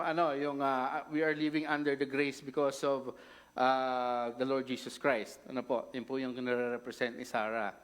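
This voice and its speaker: A man gives a sermon in a loose, chatty way, keeping his listeners involved with frequent questions. His voice sits a little high for a man. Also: smooth. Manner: casual, conversational, mixing Tagalog and English, frequent tag questions. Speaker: preacher.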